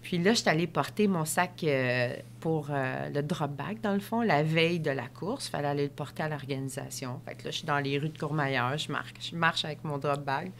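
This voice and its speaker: A woman with a Québécois accent, a podcast guest telling stories in a lively, excitable way and laughing often. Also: deep voice, normal speed, few pauses, slight background noise. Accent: Québécois French. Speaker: podcast guest, ultramarathon runner. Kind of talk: animated storytelling in conversation.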